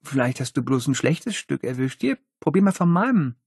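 A man's voice: medium pitch, very animated, a little fast, a little mellow, slightly rough, no echo, clean studio sound. A man voicing a sly, easygoing prankster schoolboy in an audiobook, with a casual, offhand way of talking.

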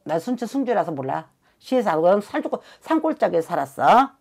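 A woman's voice: on the low side, very animated, fairly quick, gravelly, a little mellow. A woman from South Jeolla working as a fortune teller, giving a blunt, emphatic reading with some swearing and repeated "right?" checks. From Suncheon, South Jeolla, Korea. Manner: blunt and emphatic, swears, keeps pressing for agreement. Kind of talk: fortune-telling consultation.

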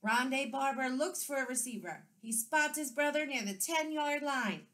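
An eager, upbeat young boy, as a woman teacher reads him aloud, urging his twin brother along with a higher, brighter lilt. He sounds encouraging and friendly, and the delivery stays in a gentle storybook read-aloud style. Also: animated, moderate pace. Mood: announcer-like.

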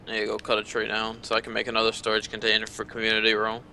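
A man's voice: lowish voice, monotone, racing, sharp tone, a little hiss or hum. A man playing an online game with a friend, casually and practically talking through loot and items.

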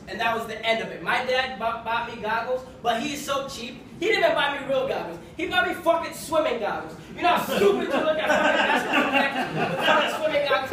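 A man's voice: very high-pitched, a little hiss or hum. Young male stand-up from Kenya, wry and conversational; distant, roomy club recording with laughter. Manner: wry, conversational delivery with deadpan punchlines. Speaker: stand-up comedian. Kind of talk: stand-up routine. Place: small comedy club stage. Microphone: handheld mic, filmed from far in the audience. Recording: echoey club from far off with audience laughter.

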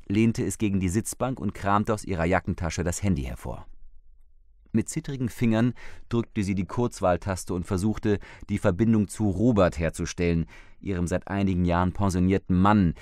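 A man reading a crime audiobook aloud in measured, even narration into a close studio mic. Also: deep voice, no room sound. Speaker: audiobook reader. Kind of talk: scripted narration.

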